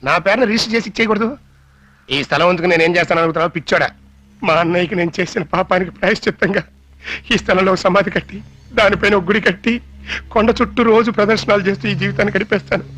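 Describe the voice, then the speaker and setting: A dubbing actor playing a scheming, fawning middle-aged uncle in a dubbed film, talking in a rapid, theatrical, wheedling way. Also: male voice, high voice, steady tone, a bit bright. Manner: rapid, wheedling and theatrical, scolding then pleading. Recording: dry studio dub.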